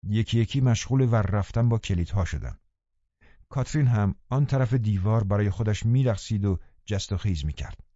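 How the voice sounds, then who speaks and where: Man, audiobook narration, calm, measured, mellow, muffled dry recording. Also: lowish voice, no room sound. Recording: dull dry studio recording.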